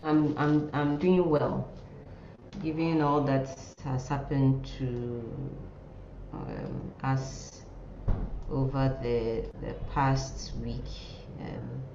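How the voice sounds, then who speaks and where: A nursing lecturer teaches an informal online class in a very low, mellow female voice, speaking slowly and haltingly and often repeating words and phrases. A computer microphone in the room picks her up, so the sound is muffled, echoey and faintly noisy.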